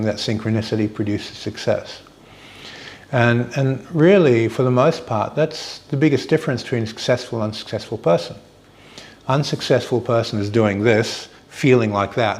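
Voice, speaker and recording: A man teaching informally, explaining step by step with pauses as he finds his words. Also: fairly low pitch, darkish tone. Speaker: teacher of hypnotherapy and meditation.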